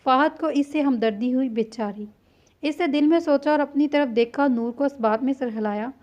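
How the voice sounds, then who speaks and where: A woman narrating a novel in a steady storytelling reading. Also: high-pitched, normal speed. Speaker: novel reader.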